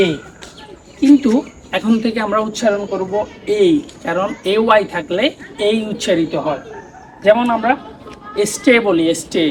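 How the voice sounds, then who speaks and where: A woman teaching English pronunciation in a video lesson, repeating each word slowly for drilling and mixing English phrases into her talk. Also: medium pitch, slight background noise. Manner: mixes Bengali with English phrases.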